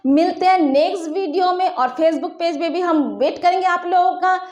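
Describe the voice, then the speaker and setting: A woman with a high, bright-pitched voice teaches a language lesson. She speaks patiently, breaking words apart and repeating them slowly so viewers can follow. Her voice rings in an echoey room. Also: steady tone. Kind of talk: Hindi-medium language lesson.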